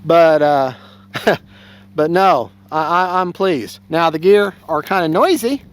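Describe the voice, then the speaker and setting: A man's voice: fairly high pitch, lively intonation, slow pace. A man chatting casually about his model plane, rambling and folksy, often correcting himself. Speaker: RC plane hobbyist vlogger. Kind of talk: casual review chat.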